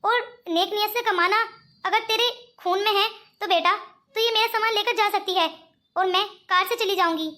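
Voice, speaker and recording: A woman's voice: extremely high pitch, normal speed, pushed and bright. A woman voicing a scheming rich old grandmother in a cartoon, speaking in a coaxing manner. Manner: coaxing, calls others 'beta'. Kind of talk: cartoon voice acting.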